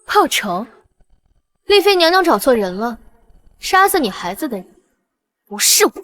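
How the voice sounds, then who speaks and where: A sly, defiant young consort. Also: female voice, high voice, big pitch swings, measured pace, a bit bright, heavily acted. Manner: sly, mocking, composed. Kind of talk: period costume drama acting.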